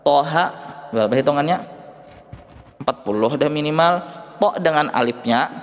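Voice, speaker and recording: A man's voice: a little high, moderate pace. A male religious teacher giving a study lesson, explaining points and putting questions to his listeners. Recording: long hall reverb.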